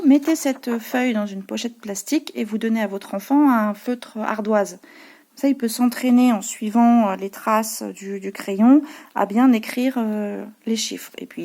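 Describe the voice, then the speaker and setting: A woman's voice: fairly high pitch, dark tone. A woman teacher with a French accent, patiently explaining her pupils' home worksheets to parents, with many hesitations. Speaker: preschool teacher.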